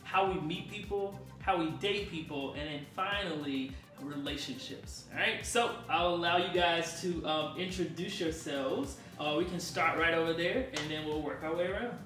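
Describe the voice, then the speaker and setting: A man hosting a casual panel chat, upbeat and quick to laugh, recorded in a room. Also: a little high, sharp tone, echoey room, recorded from a distance, soft background music. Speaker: podcast host. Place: room in Chicago.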